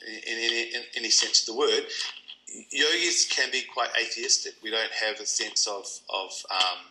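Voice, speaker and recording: A man's voice: mid-range voice, normal speed, pushed and bright, rough recording. A man from New Zealand with a New Zealand accent, answering interview questions thoughtfully, with many ums and restarts. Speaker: kirtan teacher.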